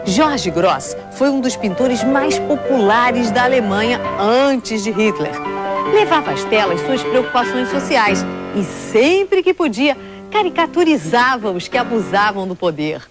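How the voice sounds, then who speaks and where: Lively woman presenting sports news. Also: a little high, over loud music. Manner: lively, playful delivery with drawn-out words.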